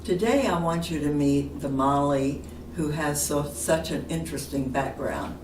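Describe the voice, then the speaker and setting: A woman's voice: deep voice, unhurried. An older woman interviewing a neighbor at her retirement community, asking friendly prompting questions. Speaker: interviewer, fellow resident. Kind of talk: oral history interview. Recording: roomy, distant mic with background noise.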